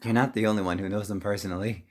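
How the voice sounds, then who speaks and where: A man with a fairly low voice plays characters in a game roleplay. He talks with plenty of feeling, and his pitch leaps upward whenever his character gets worked up. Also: steady tone, very fast, a little mellow, slight background noise. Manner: emotional, pitch jumping up when upset. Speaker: roleplay player.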